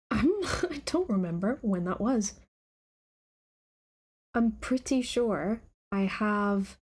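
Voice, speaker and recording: A woman's voice: mid-range voice, darkish tone. A woman live-streaming a reaction to her own old videos, chatting casually in a giggly, scattered, self-mocking way.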